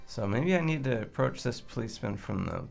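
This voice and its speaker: A man's voice: medium pitch, big pitch swings, a little fast, vocal fry, soft background music. A man giving casual, exasperated gameplay commentary, grumbling and swearing as he plays. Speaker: game player and commentator.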